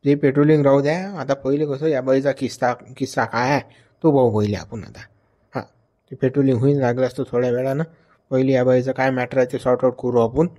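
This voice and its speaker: A man's voice: medium pitch, level tone, quick pace, mellow, lo-fi sound, natural voice. A man playing a village police inspector who gives orders and questions a complainant. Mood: questioning. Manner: commanding, questioning, mixing English words. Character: village police inspector, self-important but helpful. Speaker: police officer. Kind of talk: comedy skit acting.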